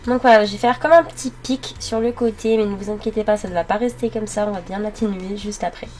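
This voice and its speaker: A young woman narrating her makeup routine step by step, pausing often with fillers as she works. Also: mid-range voice, a little mellow, faint music behind. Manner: halting, many fillers while working. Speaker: beauty vlogger. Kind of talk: makeup tutorial voice-over.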